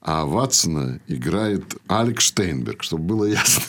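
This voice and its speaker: An older man with a very deep voice tells stories from his past as an interview guest. His delivery is lively and anecdotal, carried by a well-trained stage voice. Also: a little slow, background noise. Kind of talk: conversational storytelling.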